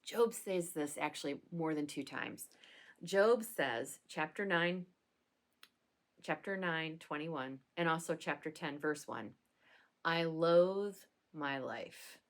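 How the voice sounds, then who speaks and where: A woman pastor chats casually to the camera in a satirical vlog, her humor dry and deadpan, with the odd laughing aside. Her voice is low and her pace is slow.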